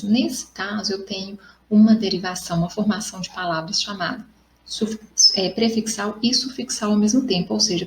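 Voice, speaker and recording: A woman's voice: mid-range voice, a little mellow. A woman with a Brazilian Portuguese accent, teaching a recorded lesson. She explains step by step, asks questions and answers them herself, and ends points with short tag questions. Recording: echoey room, faint ambient noise.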